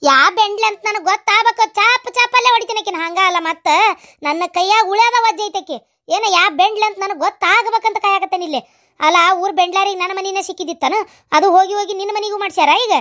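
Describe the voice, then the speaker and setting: A fiery village woman from a cartoon, played by a woman, talks blunt and threatening in a North Karnataka accent. The voice is very high and bright. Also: brisk. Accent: North Karnataka Kannada. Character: bold outspoken village woman, fiery and protective. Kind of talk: cartoon voice acting.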